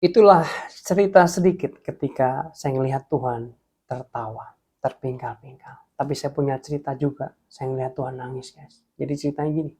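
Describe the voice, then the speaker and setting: A young man from Jepara, Indonesia, telling a testimony in a sermon, talking to listeners as "guys" and swinging between hushed and excited delivery. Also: mid-range voice, moderate pace, slightly rough. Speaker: preacher.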